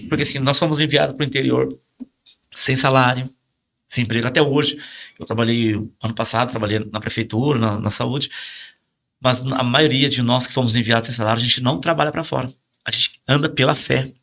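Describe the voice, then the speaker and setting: A man's voice: medium pitch, fairly even intonation, fairly quick, vocal fry, a bit bright. A man with a Brazilian Portuguese accent, a pastor telling his testimony in a podcast conversation, emotional and acting out the quoted lines in a raised voice. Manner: emotional storytelling, acts out quoted dialogue in a raised voice.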